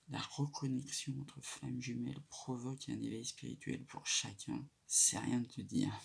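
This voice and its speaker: Hushed, very creaky man reading tarot at night. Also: medium pitch. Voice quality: gravelly, creaky. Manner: hushed, quiet night-time delivery. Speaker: tarot card reader. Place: indoors at night. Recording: noisy amateur live recording with clicks.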